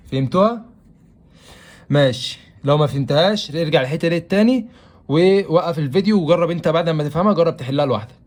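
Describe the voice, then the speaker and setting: A man with an Egyptian Arabic accent teaches a classroom-style math lesson, repeatedly posing questions aloud and answering them himself. His voice is fairly high-pitched with a darkish tone.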